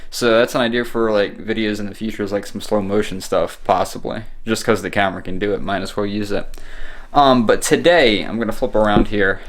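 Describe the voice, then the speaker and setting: A man's voice: lowish voice, steady tone, brisk. A man giving a casual, unscripted show-and-tell vlog in a rambling, laid-back way, recorded on a camera in his room at home. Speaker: vlogger showing a home tech setup. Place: bedroom at home.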